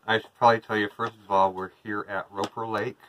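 A man's voice: lowish voice, little pitch movement, fast talker, fairly bright tone, slight background noise. A man in his thirties, a vlogger, chatting casually to a camera across from him inside a small trailer. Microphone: camera a couple of metres away.

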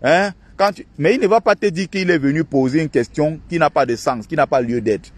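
Standing by a lake in a park, a man who runs an activist channel rants into his phone for his followers. The monologue is indignant and mocking, with rapid changes in pitch.

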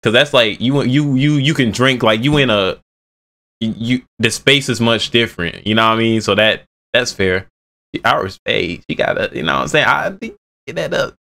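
Young male streamer, twenties, slangy rambling reactor, bright tone, headset mic. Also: mid-range voice, normal speed, creaky. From Bay Area. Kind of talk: casual reaction commentary.

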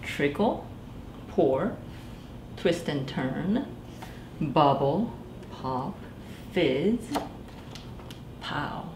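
A woman in her thirties, working as a librarian, reads a picture book to children very slowly, with long pauses in her low voice. She's animated, does the characters' voices, and talks directly to the kids in a small indoor library room whose recording is echoey with faint background noise.

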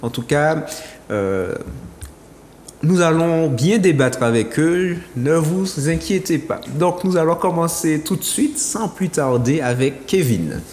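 A man presents a book show in a formal, welcoming way. His slightly high voice rises and falls a great deal. The room is roomy, with a long trailing reverb and a faint hiss. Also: lively intonation, takes it slowly, darkish tone. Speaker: TV show host.

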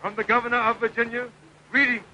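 An actor playing an official herald who reads out a proclamation in a formal, declamatory way. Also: male voice, very high-pitched, flat delivery, fast talker, muffled recording, over music. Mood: proclaiming. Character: official male herald from the colonial capital, stiff and formal. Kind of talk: 1960s television drama acting.

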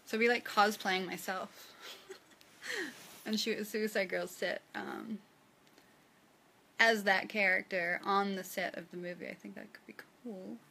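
Unhurried and with long pauses, a young New Zealand woman chats on a phone livestream from a small room, reading viewer comments aloud with frequent giggles. Her mid-range voice has vocal fry and a sharp, steady tone. The phone is at arm's length.

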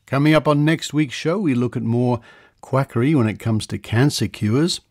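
Speaking at a normal pace, this male podcast host has a mid-range voice with a darkish tone. His semi-scripted monologue is captured in a treated room through a close studio condenser mic.

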